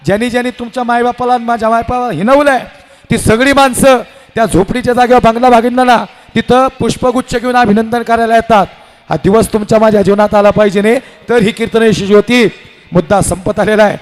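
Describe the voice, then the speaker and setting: A man's voice: extremely high pitch, fairly even intonation, fast. A man preaching a devotional kirtan sermon, telling stories with acted dialogue in an impassioned manner. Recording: live hall with reverb and instruments.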